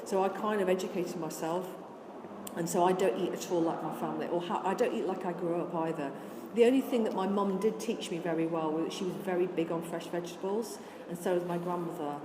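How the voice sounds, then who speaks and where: A vegan charity worker, older and Scottish but without her accent, gives earnest, chatty interview answers full of lists and restarts. She talks a little fast in a fairly low voice with fairly even intonation, and the room is echoey and noisy.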